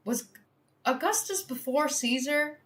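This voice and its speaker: A native Dutch speaker from the Netherlands chats casually on a live stream while doing a history quiz, her voice high-pitched, unhurried and fairly bright. She thinks out loud, laughs a lot and makes fun of herself.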